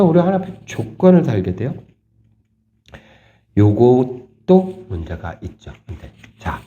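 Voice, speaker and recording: A male pastor preaching a sermon, animated and quizzing his congregation with questions. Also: medium pitch. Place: church sanctuary. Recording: echoey church room, slightly dull sound.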